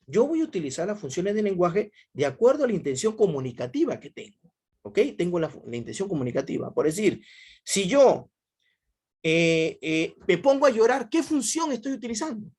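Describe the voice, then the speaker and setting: A man's voice: high voice, big pitch swings, moderate pace, darkish tone, slightly rough. A male teacher giving a class over a video call, repeating himself often and quizzing his students. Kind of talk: online class lecture.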